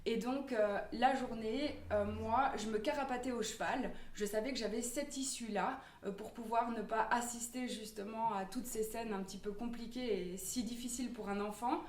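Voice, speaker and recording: A woman's voice: on the high side, fairly even intonation, normal speed, hardly any pauses, a little hiss or hum. A woman from Normandy giving a personal testimony in church, hesitant with many fillers and restarts. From Normandy, France. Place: church hall. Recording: echoey room from far off.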